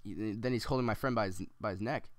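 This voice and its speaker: A man's voice: lowish voice, fast, dry recording. A man rambling through a story as casual gameplay commentary, with many ums and restarts.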